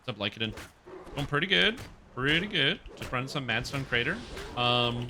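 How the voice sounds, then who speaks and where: A man livestreaming a game on headset audio, chatting casually with viewers and reacting loudly to the gameplay. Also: medium pitch, animated, moderate pace, slight background noise. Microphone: livestream headset mic.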